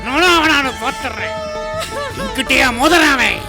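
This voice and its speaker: A man's voice: very high-pitched, sing-song, normal speed. A man playing a proud, stern older zamindar patriarch who commands his household and scolds his son. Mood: furious. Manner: commanding, scolding, shouts when angry. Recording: music playing behind.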